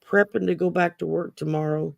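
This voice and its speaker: A woman's voice: on the low side, steady tone, fairly quick, creaky, no echo. A woman co-hosting a casual chat, talking readily and often repeating words as she explains. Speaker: co-host.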